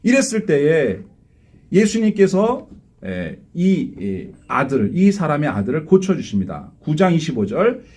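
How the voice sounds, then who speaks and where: A man's voice: fairly high pitch, a little slow, husky. A male pastor preaching a live Sunday sermon in a church, asking the congregation questions and acting out the quotes he tells. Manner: animated, asks the congregation rhetorical questions, acts out quotes. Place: church sanctuary.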